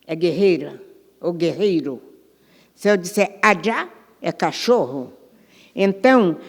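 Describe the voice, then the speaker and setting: Older woman, from Rio de Janeiro, deliberate teaching talk, unhurried, reverberant event hall. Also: lowish voice, warm tone. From Rio de Janeiro, Brazil. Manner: slow, deliberate teaching with spoken examples. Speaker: guest speaker, elder of an Afro-Brazilian religious tradition. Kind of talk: panel talk. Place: cultural center event hall.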